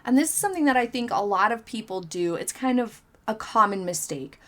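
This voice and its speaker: A woman's voice: fairly high pitch, expressive, brisk, fairly bright tone. A woman hosting a casual commentary vlog, reading out viewer comments and giving her opinions in a chatty way, with frequent hedges and fillers. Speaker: commentary channel host.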